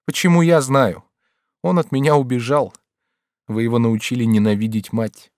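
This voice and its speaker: A man's voice: medium pitch, steady tone, moderate pace, a little mellow, no echo, clean studio sound, lightly acted. A man voicing a distraught young countess in an audiobook, with a raised, strained pleading voice. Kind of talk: audiobook character reading.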